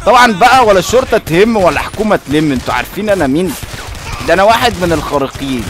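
A man with an Egyptian Arabic accent giving playful, joking gameplay commentary as a video host, often breaking into shouts. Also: on the high side, lively intonation, racing, noisy background. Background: game music.

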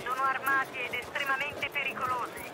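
High-voiced police radio dispatcher. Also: male voice, level tone, a little fast, very noisy. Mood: official. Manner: clipped, formal dispatch calls. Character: male police radio dispatcher, calm and official. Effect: police radio transmission. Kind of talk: video game dubbing.

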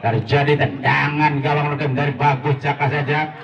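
A man's voice: a little high, flat delivery, moderate pace, music in the background. A man giving live play-by-play football commentary, often repeating players' names. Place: outdoor village football ground. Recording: echoey PA, distant, crowd noise. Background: crowd.

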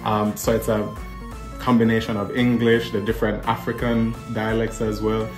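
A man with a Jamaican accent chatting casually as he explains things, in an animated, teasing way. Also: lowish voice, moderate pace, over music. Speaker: host quizzing a guest.

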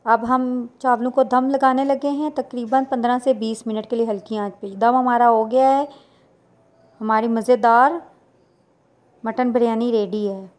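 A woman, talking viewers through a recipe step by step in a plain, unhurried voice-over. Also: on the high side, fairly even intonation, darkish tone. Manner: plain instructional, unhurried with small restarts. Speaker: cooking channel host.

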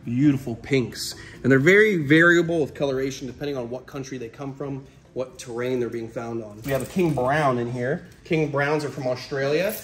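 A man's voice: medium pitch, moderate pace, few pauses. A young man hosting a casual wildlife vlog with playful, enthusiastic energy. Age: young adult. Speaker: wildlife host, snake keeper. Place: indoor concrete-floored reptile room. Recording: echoey hard-floored room.

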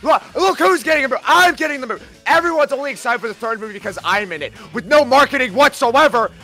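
A man's voice: extremely high pitch, expressive, quick pace, sharp tone, full character voice. A man voicing an arrogant, irritable cartoon hedgehog, whining and sarcastically complaining through comedic gameplay commentary. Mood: boastful, defensive. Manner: whiny, exasperated, sarcastic complaining.

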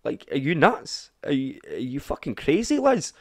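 A man's voice: mid-range voice, very animated, moderate pace, no echo, clean studio sound. A Scottish man ranting sarcastically over a political clip, swearing and mocking as he reacts. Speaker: commentary vlogger.

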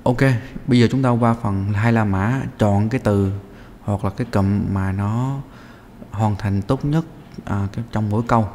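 A man's voice: fairly low pitch, moderate pace, dark tone, long reverb tail, slight background noise. A male English teacher going through a practice test answer by answer, explaining step by step with many hesitant fillers. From Vietnam.

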